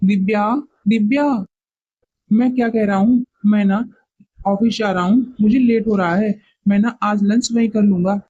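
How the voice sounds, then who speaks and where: A woman voicing a busy young husband who rushes off to the office, in a cartoon. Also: medium pitch, steady tone, warm tone, muffled recording, pitched below the performer's own voice, natural voice. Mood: hurried. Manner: hurried, reassuring. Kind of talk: cartoon voice acting.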